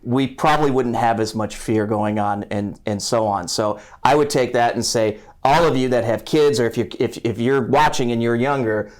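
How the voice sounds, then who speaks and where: A man on a panel talks in a relaxed, conversational way as he gives his opinion. His pitch sits right in the middle for a man, and his delivery is plain and unhurried. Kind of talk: casual panel discussion.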